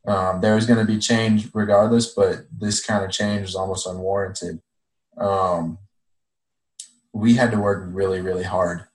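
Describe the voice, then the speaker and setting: A man in his twenties, a former college football player, giving measured, reflective answers with frequent ums. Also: deep voice, level tone. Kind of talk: casual reflective interview answer. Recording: roomy echo.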